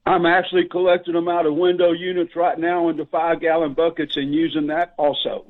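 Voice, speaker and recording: A man's voice: on the high side, level tone, brisk. An older man calling a radio show on a speakerphone, plain-spoken and hurrying to get his questions out. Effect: voice heard over a phone line on speakerphone. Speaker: radio call-in caller. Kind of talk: casual call-in questions. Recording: tinny phone line.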